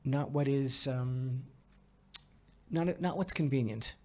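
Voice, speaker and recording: In a mid-range voice, a man hosting a podcast talks through his opinions conversationally. He pauses, presses his points emphatically, repeats phrases, and often checks that the listener is with him.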